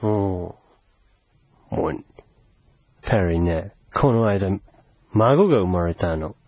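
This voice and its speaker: A man's voice: sits low, expressive, slow, darkish tone, husky, no echo, muffled recording, heavily acted. A man playing a pushy, teasing older foreign envoy in a solo comedy sketch, wheedling in broken Japanese with English phrases. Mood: chatty teasing.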